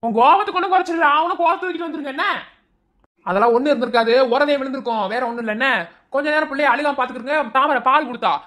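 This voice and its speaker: A woman playing an older relative who calms the young mother and chides the husband in a family skit. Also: high voice, racing. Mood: reassuring. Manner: reassuring and matter-of-fact, chides the husband. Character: calm older female relative, reassuring and scolding. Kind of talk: amateur village drama acting.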